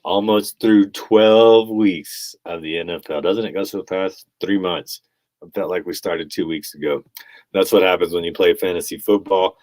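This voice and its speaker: A man hosting a sports podcast talks in a very low, deep voice. He is blunt and opinionated, chuckling at his own takes. The sound is close and dry. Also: normal speed, a little mellow, no room sound, rough recording. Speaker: podcast host. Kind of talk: casual sports commentary.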